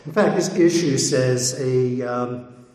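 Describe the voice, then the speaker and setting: A man gives a loose, digressive talk as a pulp fiction collector, pausing and hesitating often. His voice sits in an ordinary middle register. The sound is very echoey, with a long reverb tail from a large hall. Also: medium pitch, darkish tone. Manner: rambling and digressive, with many hesitations. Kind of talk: informal talk to an audience.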